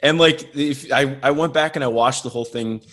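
Man, midwestern accent, casual podcast co-host, rambling, self-interrupting, mid-pitched. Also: brisk, fairly bright tone. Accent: Midwestern American. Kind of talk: casual sports podcast chat.

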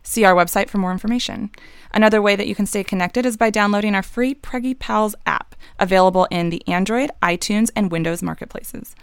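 A woman's voice: medium pitch, brisk, clear, resonant tone, dry recording, clean studio sound. A woman in her thirties hosting a casual podcast, upbeat and chatty. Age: 30s. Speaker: host.

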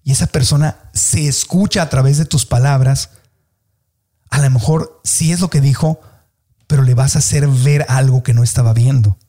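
A man with a Mexican accent, hosting a motivational podcast and coaching listeners earnestly, stretching key words slowly. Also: medium pitch, steady tone, warm tone. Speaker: podcast host.

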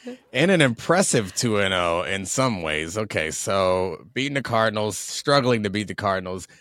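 A man's voice: fairly low pitch, expressive, normal speed, fairly bright tone, no room sound, clean studio sound. A man co-hosting a sports podcast with wry, conversational casual commentary.

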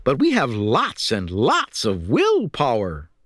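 A man's voice: mid-range voice, wildly swooping pitch, slow, a bit bright, no room sound, studio quality, full character voice. A man voicing a cheerful, eager male frog in a storybook reading over music. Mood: earnest.

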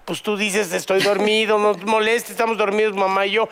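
Mexican man, podcast co-host, high voice, gravelly fry, slangy banter. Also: a little fast. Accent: Mexican Spanish. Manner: slangy, animated, swears freely. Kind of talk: casual crude banter.

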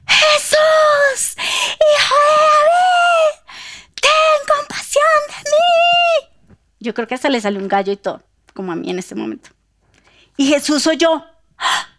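A young woman preaching a sermon, telling stories animatedly and swinging between loud bursts and soft near-whispers. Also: a little high.

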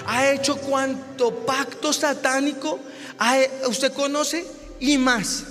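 A man preaching a sermon as a pastor, telling a personal story with animated delivery that rises to shouted exclamations. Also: extremely high pitch, takes it slowly, big-room sound, music in the background.

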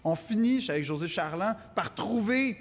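Québécois male comic guest, high voice, animated storyteller, reverberant room. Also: normal speed. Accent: Québécois French. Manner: animated, laughing, acts out quotes. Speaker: guest comedian. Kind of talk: casual storytelling chat.

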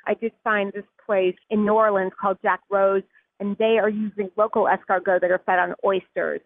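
A woman's voice: medium pitch, level tone, normal speed, no room sound. A woman speaks over a tinny, phone-like line with dry sound. She talks as a guest in a chatty way, laughing easily and dropping "like" often. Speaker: food editor guest. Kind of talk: radio interview.

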